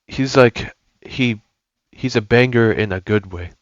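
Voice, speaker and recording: A man's voice: mid-range voice, unhurried, no echo, highs cut off. A young man giving casual, rambling gameplay commentary, often correcting himself as he goes. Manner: rambling, self-correcting, enthusiastic. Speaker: gaming YouTuber.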